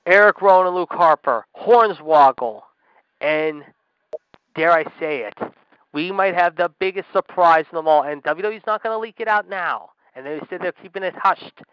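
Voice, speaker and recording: A man co-hosting a radio show, calling wrestling play-by-play in an excitable, hyped way. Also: high voice, moderate pace, clear, resonant tone, dry recording. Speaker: co-host and play-by-play commentator. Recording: dry, dull lo-fi radio audio.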